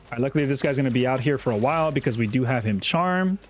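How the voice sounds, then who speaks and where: A young man giving casual, chatty commentary over his own gameplay, often repeating himself and getting excited. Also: mid-range voice, quick pace, soft background music. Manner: chatty, self-talking, repeats words, excitable. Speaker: gaming YouTuber.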